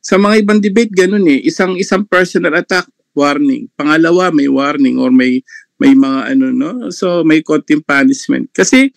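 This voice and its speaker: A man's voice: a little high, normal speed, gravelly, no echo. A man commenting on a religious debate on an online live panel, mocking and laughing often between remarks.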